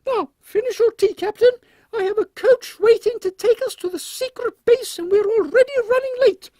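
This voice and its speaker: A man's voice: very high voice, normal speed, dark tone, no echo, voice pushed up. A man voicing an imperious elderly English queen in an audio comedy, pompous, commanding and given to exclamations. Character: imperious elderly Queen Victoria, haughty, thrill-seeking royal lady.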